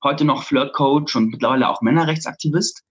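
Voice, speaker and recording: A man, a flirt coach, telling a lively personal story in an interview, laughing often and acting out what people said. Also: mid-range voice, a little fast, slightly rough, highs cut off. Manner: animated, laughs often, acts out quotes.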